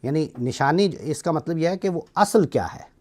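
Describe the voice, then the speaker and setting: With a high-leaning, darkish voice and lively intonation, a middle-aged Pakistani-accented man teaches a class. He moves through the material step by step, making sure students follow along.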